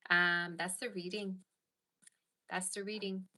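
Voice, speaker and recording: A woman with a lowish, level voice gives a casual tarot reading to her viewers, unhurried but with a pushed, bright quality. She chats along and reads live chat comments aloud as she answers them.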